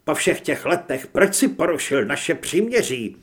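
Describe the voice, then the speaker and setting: A man voicing a gaunt, unhinged male shapeshifter who shouts and snarls threats. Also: fairly high pitch, sing-song. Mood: raging.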